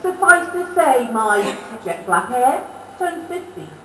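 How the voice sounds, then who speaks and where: A woman's voice: high-pitched, big pitch swings, slow pace, pushed and bright. Woman reciting comic verse on a stage. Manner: broad, theatrical delivery with dialect. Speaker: stage performer. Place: social club stage, amateur variety show. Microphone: distant camera mic. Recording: echoey hall from far off, faint hiss.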